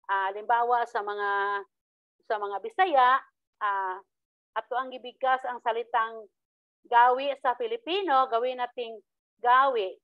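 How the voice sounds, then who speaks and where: A woman's voice: a little high, no echo. A woman teacher giving a step-by-step lecture, acting out sample lines with rising tones. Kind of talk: classroom lecture. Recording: tinny phone-like dry sound.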